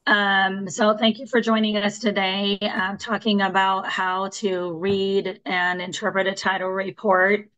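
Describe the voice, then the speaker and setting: A woman giving a meeting presentation to fellow agents, hoarse because she is losing her voice. She speaks at an average pitch and keeps stopping on ums and restarting her sentences. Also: level tone, measured pace, few pauses, fairly bright tone, poor audio. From Washington state. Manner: hesitant, many ums and restarts. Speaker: real estate agent presenter.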